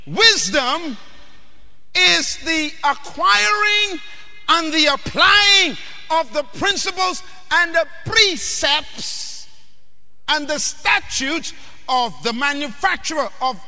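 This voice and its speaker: A man from the Bahamas, preaching a sermon emphatically, questioning the crowd and often shouting. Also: very high voice, animated, slow pace, soft background music. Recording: long hall reverb.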